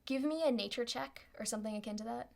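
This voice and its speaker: Female game master, fairly high voice, playful and halting, narrating a tabletop adventure off the cuff. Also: gravelly. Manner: halting, playful, casual storytelling.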